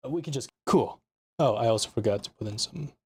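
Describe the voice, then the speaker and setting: Mellow-voiced young man streaming a PC build. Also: mid-range voice, expressive, fairly quick. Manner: scattered and self-deprecating, thinking aloud. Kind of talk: casual live-stream talk. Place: home desk setup. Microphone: desk mic with live compressor tweaks.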